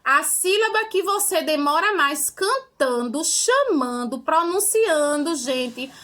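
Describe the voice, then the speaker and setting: Brazilian woman teacher for young kids, high bright voice, patient, step by step. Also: expressive, slow pace. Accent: Brazilian Portuguese. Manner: patient, explains step by step, ends phrases with "tá?". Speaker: primary school teacher. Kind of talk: remote lesson for children.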